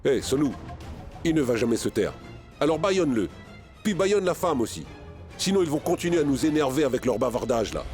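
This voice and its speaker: A man's voice: mid-range voice, big pitch swings, fairly quick, a little mellow, soft background music, close to an everyday voice. A man dubbing a menacing kidnapper. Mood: threatening. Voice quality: threatening, gruff. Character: menacing male kidnapper, short-tempered. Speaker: dubbed character. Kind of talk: French dub of a TV series.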